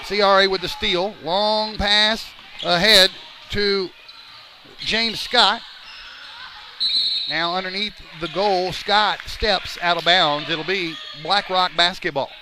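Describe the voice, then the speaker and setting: Courtside at a school gym game, a male play-by-play commentator delivers live radio-style basketball calls, slightly out of breath. He has a high voice, fairly even intonation and a slow pace. Gym noise and the bouncing ball come through clearly behind him.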